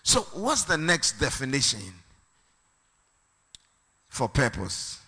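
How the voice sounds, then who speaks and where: Preacher, male, slow deliberate delivery with bright ringing tone, echoey church hall. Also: medium pitch, wildly swooping pitch, breathy edge. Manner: slow and emphatic, rising to a sung, preaching cadence. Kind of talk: sermon. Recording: long reverb of a hall.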